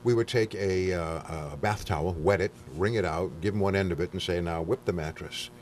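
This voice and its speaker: A man talking as a guest counselor, explaining things quickly in casual studio chat with frequent restarts. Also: deep voice, a little hiss or hum. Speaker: guest counselor on anger management.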